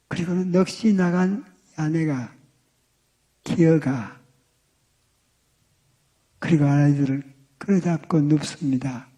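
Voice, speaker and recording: An older man preaches, telling a story dramatically. His voice sits a little high but sounds dark and mellow. He acts out the people's words and drops from loud to near hushed. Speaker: pastor. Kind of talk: sermon storytelling.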